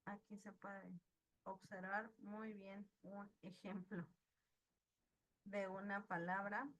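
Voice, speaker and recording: A woman leads an online lesson, speaking slowly and patiently. Her voice is bright and clear, and she keeps putting questions to her students. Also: medium pitch, little pitch movement. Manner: slow, patient, asks the class questions. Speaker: teacher. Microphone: video call.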